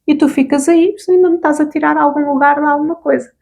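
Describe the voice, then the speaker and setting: A woman with a European Portuguese accent talks in a relaxed, conversational way, often closing her points with tag questions. Her voice sits a little high and sounds mellow and warm. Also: fast, gravelly. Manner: chatty, explains with frequent tag questions. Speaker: co-host of a therapy talk. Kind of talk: casual conversation.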